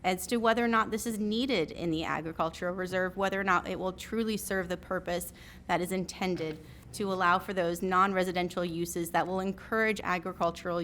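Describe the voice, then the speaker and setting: A woman giving formal public comment at a zoning hearing, speaking into a podium microphone in a measured, earnest way. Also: fairly low pitch, a bit bright, a little hiss or hum. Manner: measured and earnest, with some restarts. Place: county commission chamber at a podium.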